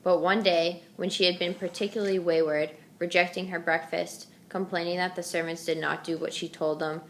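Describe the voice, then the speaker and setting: Woman, steady narration of a novel passage, lowish voice, faint hiss. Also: a little fast. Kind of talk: reading a novel passage aloud.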